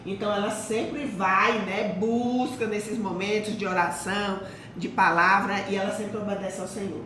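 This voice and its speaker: A woman's voice: medium pitch, steady tone, moderate pace, fairly bright tone. A woman with a Brazilian Portuguese accent, hosting and mentoring on a faith podcast, speaking in an affirming way with frequent tag questions. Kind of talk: casual faith conversation. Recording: echoey room, noisy.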